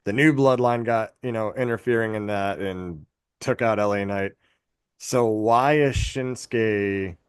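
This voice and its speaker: Casual-swearing man, low voice. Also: no echo, studio quality. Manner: rambling, swears casually, laughs at own jokes. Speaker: podcast co-host. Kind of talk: casual chat.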